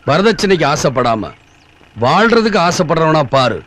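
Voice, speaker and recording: An actor playing a gentle, generous middle-aged village man who speaks calmly and kindly. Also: fairly high pitch, moderate pace. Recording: film soundtrack with loud music.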